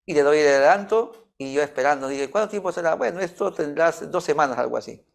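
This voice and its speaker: A man's voice: fairly high pitch, fast talker, creaky, a little hiss or hum. A man, leading a church youth group with an informal talk and a personal story. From Peru. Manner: storytelling, acting out both sides of a dialogue.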